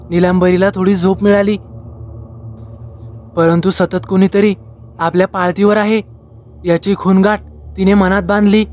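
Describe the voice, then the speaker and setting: A man tells a scripted horror story in a high voice that barely rises or falls. He moves slowly through short, measured phrases. A faint hiss of noise sits under the recording. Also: darkish tone.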